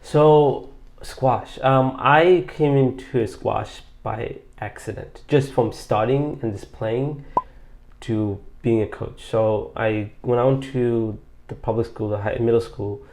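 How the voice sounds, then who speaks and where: A Bangladeshi squash coach in his late twenties rambles through his story as an interview guest, full of fillers and restarts. His mid-range voice is slow and slightly dark in tone.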